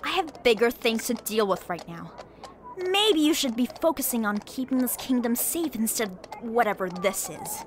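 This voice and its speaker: A woman playing a proud young pony princess in a radio drama, regal and expressive in manner. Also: on the high side, moderate pace, slight background noise. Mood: exasperated, indignant. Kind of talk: fan radio drama voice acting.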